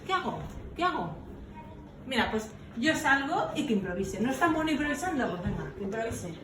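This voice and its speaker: A woman's voice: a little high, big pitch swings, fairly quick, a crowd in the background. A Venezuelan woman with a Venezuelan accent, grumbling in exasperated asides in a comedy sketch. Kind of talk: comic sketch monologue. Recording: echoey room with music behind.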